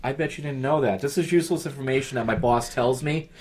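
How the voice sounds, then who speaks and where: This co-host from New England has a medium-pitched, slightly mellow voice and speaks fast on a casual chat about sports trivia. He jokes, swears occasionally, rambles and mumbles off at the ends, all on poor audio.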